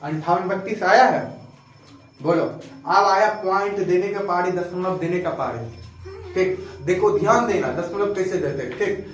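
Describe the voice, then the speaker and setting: Faint music plays behind a male math teacher whose high-pitched voice moves a little slowly. He keeps quizzing the class in a repetitive call-and-response, checking again and again whether they understood. A distant mic picks him up in a very echoey classroom.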